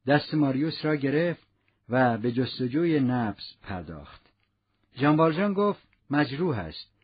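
A man reading a novel aloud as narrator, in a measured storytelling manner. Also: mid-range voice, expressive, breathy edge. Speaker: audiobook narrator. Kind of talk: scripted narration. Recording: muffled lo-fi recording.

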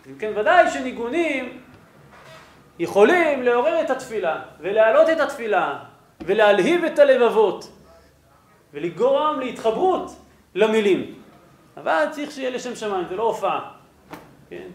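A rabbi delivers a lesson on religious law in a fairly high voice for a man. He explains patiently, walks through his sources and keeps asking his listeners whether they follow. The room around him is echoey. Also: sing-song, pauses often. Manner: explanatory, checks in with rhetorical "right?". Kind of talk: Torah lesson. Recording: roomy echo.

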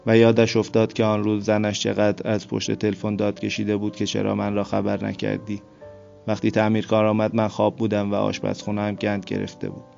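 Flat, gravelly male story narrator. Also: fairly low pitch, hardly any pauses. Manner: steady, flat storytelling delivery. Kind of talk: scripted literary narration. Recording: dull lo-fi recording with soft music.

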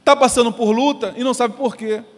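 A man preaching an animated sermon as pastor, acting out voices as he goes. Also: very high voice, a little fast. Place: church sanctuary. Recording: long church reverb.

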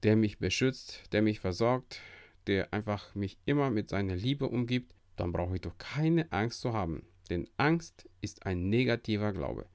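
A man with a lowish voice talks earnestly on his devotional podcast, encouraging listeners like a preacher. The sound is dry and close, with no room around it. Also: expressive, measured pace, darkish tone, no echo. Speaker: podcast host.

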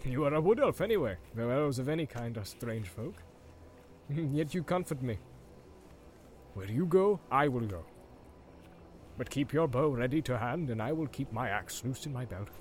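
A man voicing a gruff, grumbling male dwarf warrior in a storybook reading, blunt and wary, half joking. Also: mid-range voice, expressive, moderate pace, long pauses, a little mellow, a little hiss or hum, close to an everyday voice. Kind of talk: audiobook reading.

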